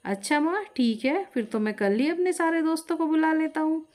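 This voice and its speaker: A woman voicing a stingy young husband who blames his wife, speaking loud and indignant. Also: high voice, brisk, voice pushed up, close to an everyday voice. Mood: agreeable.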